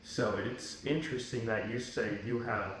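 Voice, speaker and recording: A man co-hosting a podcast, talking in a measured, thoughtful way in casual chat. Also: mid-range voice, fairly even intonation, a bit bright. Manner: measured and thoughtful, short agreeing replies. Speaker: podcast co-host. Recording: echoey room with faint noise.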